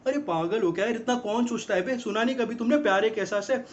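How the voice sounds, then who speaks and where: A man playing a fast-ranting fed-up young guy. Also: high-pitched, a little hiss or hum, close to an everyday voice. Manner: rapid-fire exasperated rant, mocking. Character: exasperated young man ranting about girlfriends. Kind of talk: film comedy monologue. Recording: dull lo-fi film audio.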